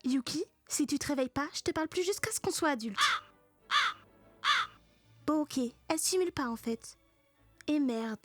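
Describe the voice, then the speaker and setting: A woman's voice: sits high, animated, normal speed, pauses often, no echo, faint music behind. A woman narrating a comic first-person story in a casual, slangy, sarcastic way. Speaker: narrator of a comedic story parody.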